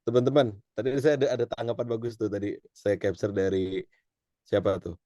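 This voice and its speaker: A man, a doctor, moderating an online webinar, chatty and quick to laugh as he reads out comments. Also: on the low side, warm tone, lo-fi sound, slight background noise. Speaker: doctor, co-presenter.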